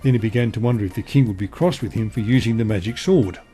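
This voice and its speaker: A man narrating a bedtime story in a calm, even reading voice. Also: fairly low pitch, fast talker, faint music behind.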